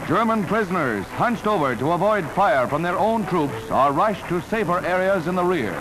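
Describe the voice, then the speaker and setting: Male narrator for an old newsreel, brisk and emphatic announcer read, raised pitch, music bed. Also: lively intonation, poor audio. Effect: old newsreel soundtrack. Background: loud music score.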